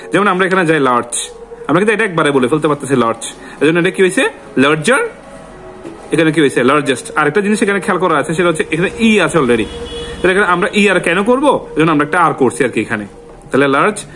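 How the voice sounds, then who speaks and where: A man teaches a grammar lesson, asking the class questions and answering them himself. He drills word forms slowly, one after another. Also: fairly high pitch, a bit bright.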